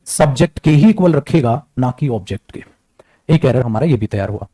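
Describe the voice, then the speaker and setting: A man teaching an English grammar class, talking lively and calling his students beta as he mixes English terms into his talk. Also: mid-range voice, a little fast, breathy edge, no room sound. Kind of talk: classroom lecture.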